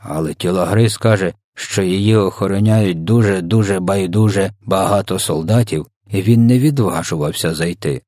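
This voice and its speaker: A man voicing a big, kind old giant who talks slowly and mangles his words. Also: low voice, warm tone, no echo, studio quality, lightly acted. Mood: gentle, stubborn.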